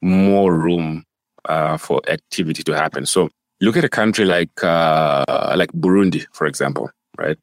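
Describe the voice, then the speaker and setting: A man from Africa co-hosting a casual discussion, explaining in a measured way with fillers. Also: rumbling low, no echo.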